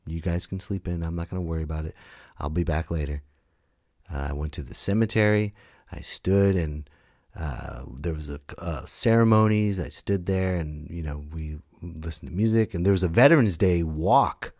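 Low and a little mellow, this late-thirties man's voice moves at a moderate pace in studio-quality audio without echo. Hosting a podcast alone, he rants and tells casual stories bluntly and emphatically, swearing and acting out what others said.

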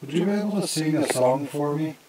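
A man investigating the paranormal at night, putting short, plain questions to spirits with pauses between them. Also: fairly high pitch, a crowd in the background. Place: outdoors at night in a ruin. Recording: noisy outdoor night recording. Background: animal noises, dogs barking in the distance.

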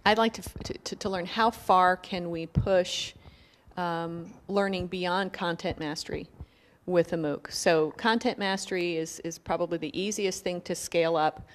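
A woman's voice: lowish voice, steady tone, measured pace. A woman speaking earnestly as a faculty panelist, thinking aloud. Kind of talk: panel discussion.

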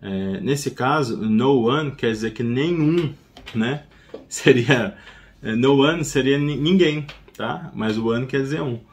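A man's voice: mid-range voice, slow. Chatty Brazilian man teaching English words. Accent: Brazilian Portuguese. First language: Portuguese. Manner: chatty, digresses and corrects himself. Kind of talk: casual language lesson.

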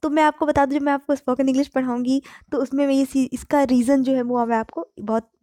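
A woman teaching vocabulary, explaining in Hindi with words mixed in and repeating each word slowly for pronunciation. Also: high voice, flat delivery, mellow, dry recording, clean studio sound. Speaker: English teacher. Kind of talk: vocabulary lesson.

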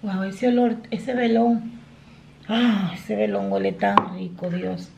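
A woman's voice: medium pitch, little pitch movement, slow, gravelly, darkish tone, a little hiss or hum. A woman vlogger chatting casually to her viewers from inside a car, laughing often, recorded on a phone. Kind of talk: casual chat to camera. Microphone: phone camera.

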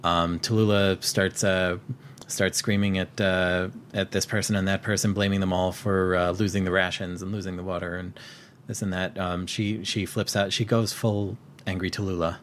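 A deep-voiced man talks through a movie's plot in a relaxed, meandering way, filling pauses with ums and restarting his sentences. A faint rumble sits under the recording. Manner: rambling with frequent fillers and restarts. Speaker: podcast co-host. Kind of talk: casual film recap chat.

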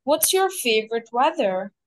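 A woman acting as examiner in a mock English speaking test, asking clear, measured questions. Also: fairly high pitch, sing-song, no echo.

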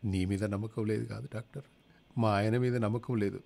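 A man voicing a suspicious middle-aged wife who talks softly and hesitantly. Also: fairly low pitch, fairly even intonation, fairly quick, vocal fry, voice pushed up. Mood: hesitant wary.

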